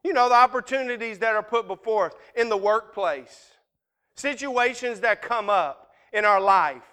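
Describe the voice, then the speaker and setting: A man preaches in a high, ringing voice with a crisp, clear tone. He talks folksy and conversational, slipping into everyday dialogue to act out the scripture. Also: moderate pace, sharp tone. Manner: folksy, conversational, acts out Bible scenes in dialogue. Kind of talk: sermon.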